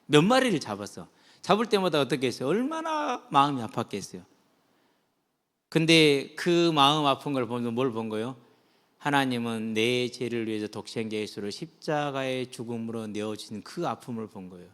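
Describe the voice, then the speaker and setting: A man preaching a sermon to students as their pastor, animated, swinging between soft low passages and loud high ones. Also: moderate pace. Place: church sanctuary. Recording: long hall reverb.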